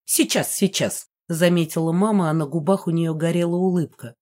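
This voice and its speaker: A woman narrating an audiobook in the first person with lively, expressive storytelling. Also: lowish voice, a little fast.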